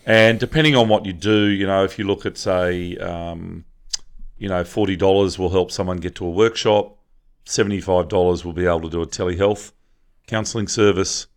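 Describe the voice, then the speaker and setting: Low-voiced man, halting. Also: fairly even intonation. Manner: halting, lots of ums and restarts. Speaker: charity representative. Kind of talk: casual podcast chat.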